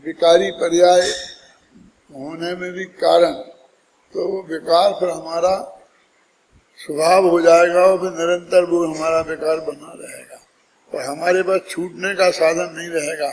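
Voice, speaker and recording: Slow high-voiced man teaching scripture. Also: in a large hall, a little hiss or hum, poor audio. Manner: explanatory, asks listeners rhetorical questions. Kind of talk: scripture discourse.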